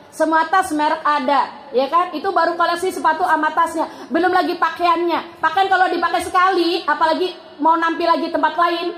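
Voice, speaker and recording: A middle-aged woman giving a lively Islamic sermon to a women's group, telling stories, acting out dialogue and laughing often. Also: very high-pitched, a little hiss or hum. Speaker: preacher at a women's study group. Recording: echoey room with faint ambience.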